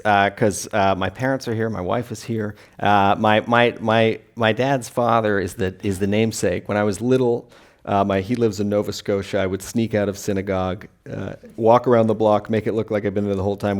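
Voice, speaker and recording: A man, creator of a video series, speaking haltingly and laughing often as a guest on a live panel. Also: lowish voice, fairly bright tone. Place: live event before an audience.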